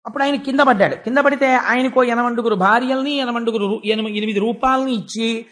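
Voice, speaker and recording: A man's voice: very high-pitched, fast talker, fairly bright tone. A man giving a devotional storytelling discourse on stage before a live audience, acting out the characters' lines. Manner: dramatizes characters' speech in retold scripture stories. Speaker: spiritual discourse speaker.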